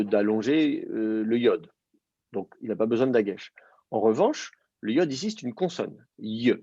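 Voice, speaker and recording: A man's voice: mid-range voice, mellow, no echo, muffled recording. A man teaching a language class, explaining step by step and quizzing his student. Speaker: Hebrew teacher. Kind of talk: live class instruction.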